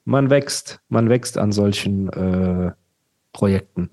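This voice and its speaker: A man co-hosting a podcast in casual chat, talking in an animated, slangy way and often calling his co-host "Bruder". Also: lowish voice, slow.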